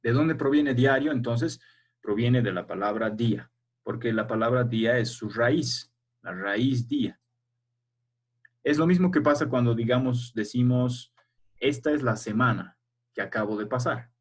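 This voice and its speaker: Over a video call, a man with a medium-pitched voice teaches a primary school language class at an unhurried pace. He explains things patiently, step by step, and checks that the children are keeping up.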